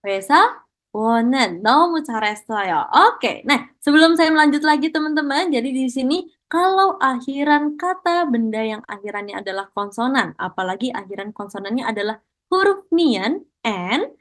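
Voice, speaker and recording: A woman with a high voice leads an online language lesson. She explains step by step and often praises her students. Her tone stays encouraging throughout. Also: expressive, brisk, fairly bright tone. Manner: encouraging, mixes Korean praise into Indonesian. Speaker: Korean language teacher. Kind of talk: online class teaching.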